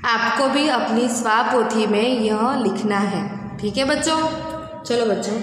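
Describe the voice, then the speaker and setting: A woman's voice: on the high side, a little slow. A woman primary school teacher giving a patient video lesson, repeating each word and asking the children to say it back. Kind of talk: slow classroom video lesson. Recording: very echoey classroom with long reverb, faint hum.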